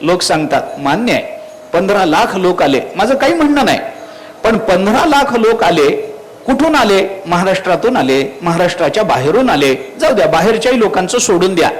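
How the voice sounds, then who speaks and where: High-voiced Marathwada kirtan preacher. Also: male voice, big pitch swings, moderate pace, slight background noise, rough recording. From Marathwada, India. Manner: rhetorical questions to the crowd; quotes Sanskrit verses. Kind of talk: devotional kirtan discourse.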